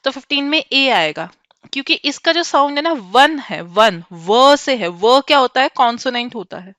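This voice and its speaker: A woman's voice: high voice, animated, moderate pace, fairly bright tone, dry recording. A woman teacher with an Indian accent, quizzing students by name as she mixes Hindi and English in a lesson. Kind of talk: online class lesson.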